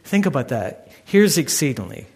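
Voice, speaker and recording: A middle-aged man, a pastor, preaching a sermon with lively storytelling. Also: medium pitch, moderate pace, breathy edge. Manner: animated storytelling, acting out others loudly.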